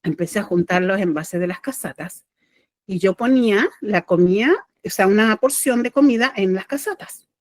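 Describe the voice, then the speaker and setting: A woman's voice: mid-range voice, expressive, moderate pace, no room sound, studio quality. A middle-aged woman with a Chilean accent, a spiritual channeler telling a personal story in a rambling, self-correcting, heartfelt way. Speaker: spiritual channeler and podcast host.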